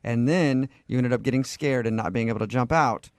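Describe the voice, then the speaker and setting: A man's voice: medium pitch, darkish tone. A man hosting a radio morning show, chatting and teasing his guest in a casual, joking way. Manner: teasing, joking, quick delivery. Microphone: studio microphone.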